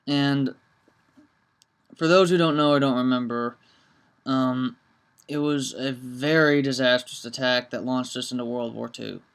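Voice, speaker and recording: A man's voice: mid-range voice, steady tone, a little slow, pauses often, clean tone. A man talking casually to camera in a vlog, earnest and reflective, with many ums and restarts. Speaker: vlogger.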